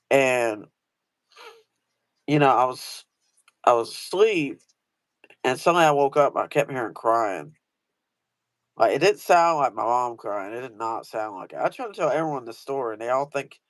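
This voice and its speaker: Man host, middle pitch, loose rambling delivery full of fillers, dry sound. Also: no room sound. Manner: rambling, many fillers and restarts. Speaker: host asking guest questions. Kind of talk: casual storytelling chat.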